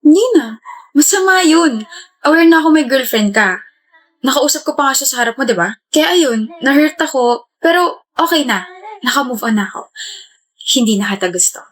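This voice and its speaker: A bubbly, emotional young college woman, played by a woman. She talks in a high, lively way in a comedy skit. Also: normal speed, pauses often. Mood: hurt.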